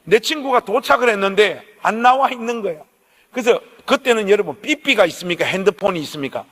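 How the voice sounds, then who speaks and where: A middle-aged man with a Gyeongsang Korean accent, preaching a sermon and telling stories straight to the congregation in an animated way. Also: sits high, brisk. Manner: animated storyteller, addresses the congregation directly. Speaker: pastor. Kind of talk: Korean dawn-service sermon with storytelling. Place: church sanctuary. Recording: long church hall reverb.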